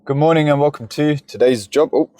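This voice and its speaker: Suffering a cold that has stuffed up his nose, a gas engineer chats into a handheld phone at a customer's house, walking through his jobs step by step in a casual work vlog. His voice sits fairly high, brisk and slightly mellow.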